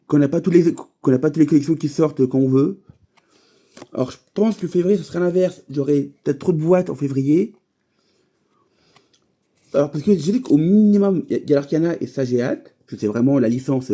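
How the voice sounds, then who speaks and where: A man in a casual, meandering chat, talking through card pack openings with plenty of hesitations and restarts. His voice sits at a middling pitch and sounds very dark and mellow. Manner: rambling, many fillers and restarts. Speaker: YouTuber opening trading card boosters.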